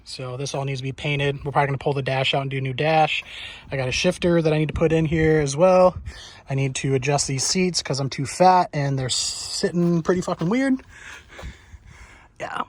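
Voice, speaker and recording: A man's voice: a little high, a little fast. A man giving a casual, unscripted walkaround of a busy car workshop, talking in a blunt, offhand way with some swearing. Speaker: car shop owner giving a walkaround tour. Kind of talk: casual unscripted video tour. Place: busy car workshop, walking among cars.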